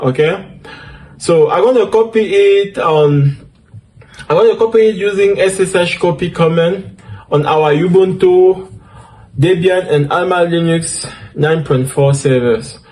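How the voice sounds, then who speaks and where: Recorded at low quality, this man's voice is high-sitting with a darkish tone and a measured pace. A native French speaker with a French accent, he teaches DevOps by screen share, explaining every step while peppering in fillers and correcting himself often.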